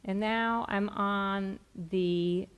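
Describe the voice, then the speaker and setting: A middle-aged woman gently and softly explaining a hands-on therapy demonstration step by step on stage. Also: mid-range voice, fairly even intonation, very slow, clean tone. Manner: gentle, soft-spoken. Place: on a stage in a theatre, indoors.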